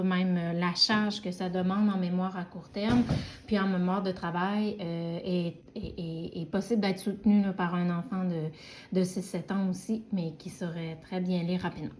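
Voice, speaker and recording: A woman's voice: mid-range voice, darkish tone, a little hiss or hum. A middle-aged woman, explaining a card game step by step in a casual way, with many fillers and restarts. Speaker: educator presenting a game.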